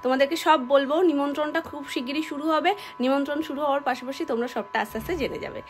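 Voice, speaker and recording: High-voiced Bengali woman vlogging at home. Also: steady tone, fast. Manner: switches to high coaxing talk with a toddler. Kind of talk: casual family vlog talk. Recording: noisy home ambience.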